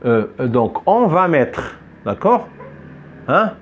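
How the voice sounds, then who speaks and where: A man's voice: fairly high pitch, sing-song, slow pace, lo-fi sound, a little hiss or hum. A man teaching a French lesson in a classroom, patiently repeating phrases for his students to echo back. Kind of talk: classroom lesson with call-and-response drilling.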